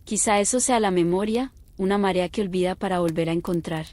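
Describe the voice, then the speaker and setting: A woman narrating a scripted bedtime story slowly, in a quiet, calm, unhurried night-time manner. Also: on the low side.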